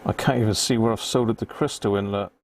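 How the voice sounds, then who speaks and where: A fast talker with a low, fairly even voice, this amateur radio hobbyist hosts a live repair stream. He gives casual commentary and mutters to himself while concentrating on fiddly electronics, as clear background noise runs underneath.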